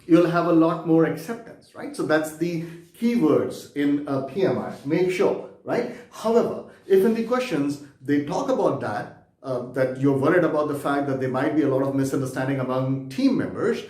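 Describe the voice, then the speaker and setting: A man's voice: a little high, lively intonation, moderate pace, a little mellow. Roomy-sounding man coaching exam takers. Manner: conversational, often checks in with "right?". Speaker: exam prep instructor. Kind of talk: explanatory lecture.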